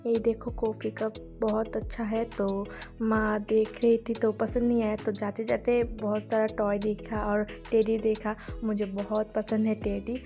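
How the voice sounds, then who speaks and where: Soft-spoken woman vlogging over music. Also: mid-range voice, completely flat delivery, unhurried, creaky. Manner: chatty, strings sentences with "so". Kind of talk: casual vlog narration.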